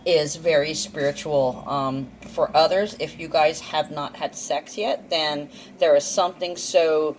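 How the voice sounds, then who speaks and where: A woman's voice: low-pitched, steady tone, unhurried, hardly any pauses, a little hiss or hum, low-quality recording. A woman giving a casual, rambling card and astrology reading, thinking aloud and correcting herself, her articulation slightly off from a dental problem. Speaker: tarot and astrology card reader.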